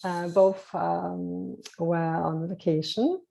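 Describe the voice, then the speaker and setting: Slow, gravelly-voiced woman. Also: lowish voice, level tone, mellow, rough recording. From Poland. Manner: slow, hesitant, many pauses. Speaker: guest coach. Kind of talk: casual interview chat.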